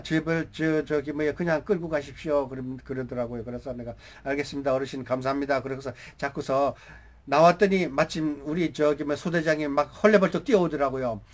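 A man in his sixties telling a personal story in casual, rough speech, swearing freely and breaking into shouts when he quotes himself. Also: fairly high pitch. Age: 60s. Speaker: channel host.

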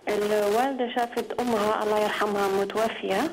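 Quick, halting woman calling in. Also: medium pitch, fairly even intonation, noisy background. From Netherlands. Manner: halting, searching for words in broken Arabic. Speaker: phone-in caller. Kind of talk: casual recounting. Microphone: telephone.

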